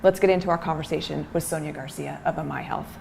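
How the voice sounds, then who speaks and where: A woman's voice: low voice, steady tone, fast talker, gravelly, a little mellow, a little hiss or hum. A woman hosting a podcast interview, introducing the guest and giving brief, friendly encouragement. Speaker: podcast host.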